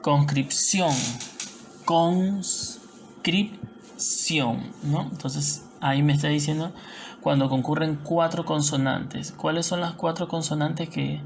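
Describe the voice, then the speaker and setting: Low, gravelly Peruvian woman teaching. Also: fairly even intonation, measured pace, darkish tone, slight background noise. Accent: Peruvian Spanish. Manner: patient, explanatory, frequent tag questions. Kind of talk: recorded classroom lesson.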